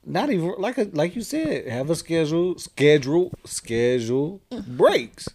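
A man's voice: fairly high pitch, very animated, a little slow, darkish tone. A man, interviewing casually in a laid-back, slangy way. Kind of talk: casual chat.

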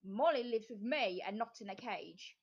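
A woman's voice: fairly high pitch, moderate pace, husky, dull audio. A woman voicing a polite but firm little girl in a storybook reading. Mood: plucky.

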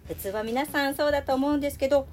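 A woman playing a cheerful female radio host who is polite and bright on air but turns rough and blunt off air. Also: sits high, very fast, faint music behind, natural voice. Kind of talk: comedy radio sketch.

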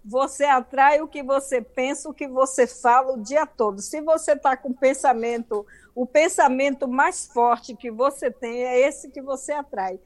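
A woman's voice: sits high, a little slow, few pauses. A middle-aged Brazilian woman with a Brazilian Portuguese accent, telling her story emphatically as an interview guest.

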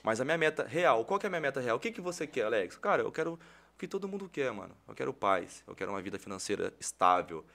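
A young man in his twenties with a Brazilian Portuguese accent, a podcast guest chatting casually, slangy and animated as he tells stories. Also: medium pitch, fast, creaky. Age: 20s. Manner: animated storytelling, heavy slang, acts out quoted voices. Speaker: podcast guest, content creator.

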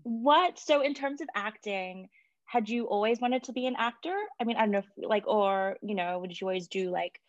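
Woman, podcast host: mid-pitched, chatty and encouraging, dry lo-fi call audio. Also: moderate pace, no room sound. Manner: chatty and encouraging, laughs often. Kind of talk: casual podcast interview.

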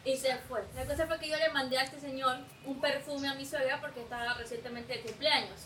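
A woman's voice: high-pitched, fairly even intonation, brisk, pushed and bright, a little hiss or hum, low-quality recording. A woman, telling a story in casual chat and acting out the voices of the people she quotes. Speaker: podcast co-host.

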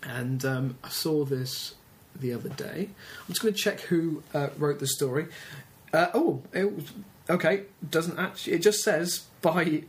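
A man's voice: on the high side, a little slow. An English man co-hosting a casual comic chat, often stumbling and restarting his sentences. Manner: hesitant, stammering restarts. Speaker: podcast co-host.

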